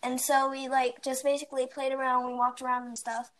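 A teenage girl co-hosts a casual podcast and rambles through a story, piling up fillers as she goes. Her voice sits high. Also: level tone, a little fast. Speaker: podcast co-host. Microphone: home mic, recorded remotely.

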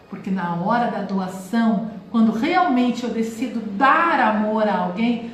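A woman's voice: on the high side, a bit bright. A Brazilian woman in her forties, hosting a reflective spiritual talk and often calling her listeners "gente". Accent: Brazilian Portuguese. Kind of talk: live-streamed motivational talk. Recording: very echoey room, faint hiss.

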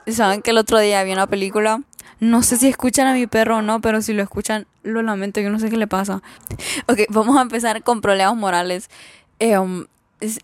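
A woman's voice: medium pitch, no echo, clean studio sound. A young woman with a Guatemalan Spanish accent, chatting casually as a vlogger as she reads out viewer answers, rambling with lots of fillers and laughs.

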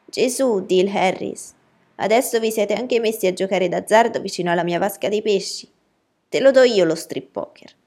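A woman voicing a shrill, angry middle-aged neighbor in a storybook reading, shrieking scoldings. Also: normal speed, a little mellow, natural voice.

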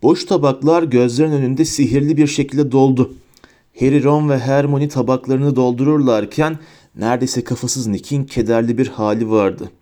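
A man narrating a fantasy audiobook in an expressive storytelling manner. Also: mid-range voice, moderate pace. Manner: expressive storytelling with character voices. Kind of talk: scripted narration.

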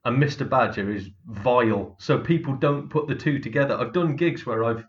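A man's voice: mid-range voice, normal speed, muffled recording. A man, a comedian, chatting casually and bluntly about his career, swearing freely and laughing through his stories. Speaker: comedian guest. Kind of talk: casual podcast chat.

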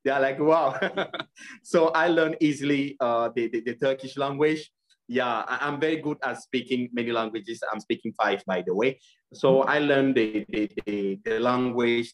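Earnest young man from Cameroon. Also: mid-range voice. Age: young adult. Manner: earnest, many fillers and restarts. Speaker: guest. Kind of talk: interview over video call. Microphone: video call.

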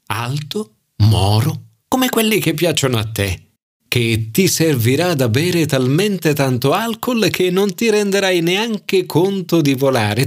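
A man's voice: fairly high pitch, voice pushed up. A man voicing a coaxing, upbeat young woman. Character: confident, persuasive young professional woman. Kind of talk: audiobook character voice.

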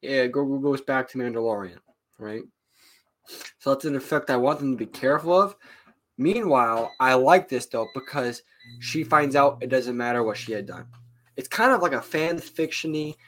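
A man's voice: mid-range voice, moderate pace, a bit bright. A man co-hosting a casual fan podcast, opinionated and rambling, tagging his points with filler questions. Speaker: podcast co-host.

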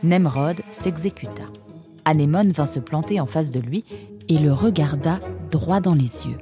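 Low-voiced woman storyteller. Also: unhurried, faint music behind. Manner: expressive storytelling. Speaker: narrator. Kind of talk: audiobook narration.

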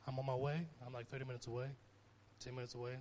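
A man's voice: mid-range voice, flat delivery, racing, a little mellow, a little hiss or hum. A young man giving an informal sermon, talking conversationally and telling stories with rising emphasis. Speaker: preacher.

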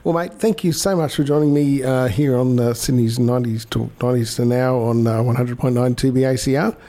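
A man hosting a casual radio interview, with hesitant, halting phrasing. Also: mid-range voice, steady tone, mellow. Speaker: radio host.

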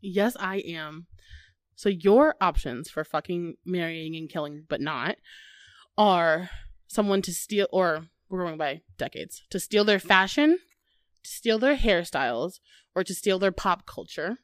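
Young Midwestern woman podcast co-host, slightly low, rambling and giggly, dry close sound. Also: expressive, a little slow, dry recording. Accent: Midwestern American. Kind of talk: casual chat.

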